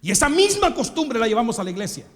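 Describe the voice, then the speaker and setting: High-voiced Nicaraguan preacher in a hall. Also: male voice, sing-song, fast talker. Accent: Nicaraguan Spanish. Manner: emphatic preaching, keeps addressing the congregation as "brother". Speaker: pastor. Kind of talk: sermon. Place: church. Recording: long hall reverb.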